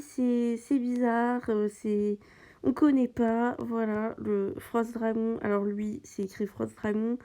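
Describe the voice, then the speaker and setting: A French-speaking woman hosts a gaming channel, giving casual commentary as she plays. Her fairly high, mellow voice is hesitant, full of fillers and restarts.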